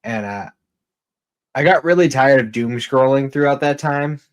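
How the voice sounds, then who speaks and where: A man's voice: medium pitch, measured pace, dull audio. A man co-hosting a podcast in casual chat, rambling with lots of fillers and swearing. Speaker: podcast co-host.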